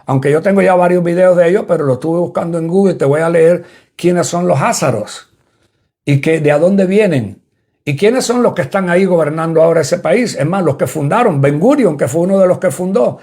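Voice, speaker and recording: With a fairly high, slightly mellow voice and a somewhat fast delivery, a man from Cuba preaches as an apostle. He talks directly to listeners in a repetitive, explanatory way, returning to his points to make them clear.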